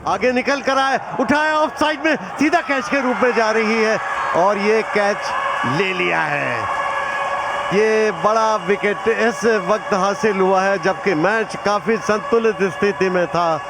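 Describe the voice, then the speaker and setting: A man's voice: sits high, unhurried, vocal fry. A man giving descriptive ball-by-ball live cricket commentary, narrating each stroke. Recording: loud crowd and stadium noise. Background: crowd, outdoor noise.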